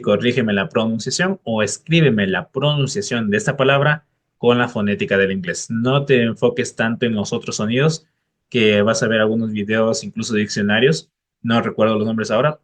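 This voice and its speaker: A man, an English tutor, giving direct and encouraging study advice to the viewer in a casual explainer video. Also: fairly low pitch.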